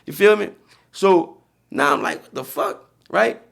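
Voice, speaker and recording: A man's voice: high voice, lively intonation, measured pace, gravelly, a bit bright. A young man with a New Orleans accent, telling a story in casual streetwise slang on a podcast. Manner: streetwise slang, frequent "you feel me". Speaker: podcast guest.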